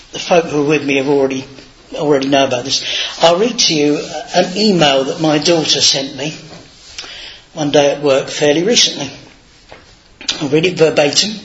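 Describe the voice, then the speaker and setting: A man's voice: a little high, a bit bright, a little hiss or hum. A man giving an informal, anecdotal sermon in a chatty, self-deprecating way, on a dull lo-fi recording. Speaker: lay preacher.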